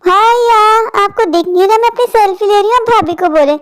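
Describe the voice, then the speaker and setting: A woman's voice: very high voice, a little fast, pitched above the performer's own voice. A woman voicing a self-absorbed teenage girl busy taking selfies in a cartoon. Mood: giddy.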